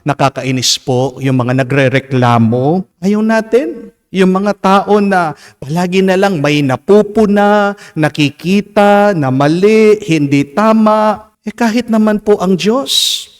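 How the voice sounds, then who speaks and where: A male Filipino priest with a Filipino accent preaching a homily at Mass, mixing English and Tagalog, asking the people "Amen?", and moving from soft low asides to high, emphatic lines. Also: takes it slowly, smooth. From Philippines. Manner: mixes English and Tagalog, asks the congregation "Amen?". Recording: long church reverb.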